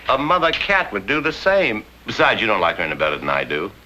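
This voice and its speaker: A man's voice: lowish voice, wildly swooping pitch, quick pace, background noise. An actor playing a skeptical male writer who talks in a dry, sardonic way. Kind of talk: 1950s television drama acting.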